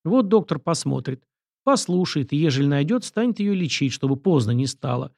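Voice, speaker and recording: A man's voice: fairly high pitch, very animated, normal speed, vocal fry, a little mellow, no echo, clean studio sound, exaggerated voice. A man voicing a firm, decisive young prince who gives orders in a commanding way.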